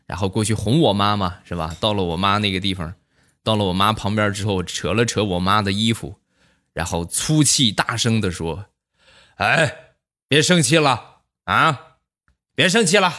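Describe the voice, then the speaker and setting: A man's voice: fairly low pitch, brisk, fairly bright tone. A man telling comic anecdotes in a chatty way, full of tag questions. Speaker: stand-up storyteller. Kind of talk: comic monologue of short anecdotes.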